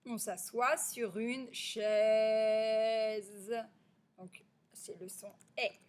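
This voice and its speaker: Slow, patient woman teacher. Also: a little high, a bit bright. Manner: slow, stretched-out sounding of syllables; drops to a near whisper on the answers. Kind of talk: phonics review lesson for young children.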